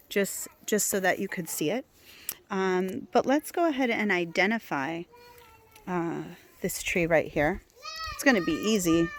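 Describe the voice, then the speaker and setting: A woman with a voice on the low side guides a casual outdoor herbal plant walk, with slight background noise on the handheld phone recording from the garden. She talks chattily, often restarting and using fillers, and isn't a native Hebrew speaker.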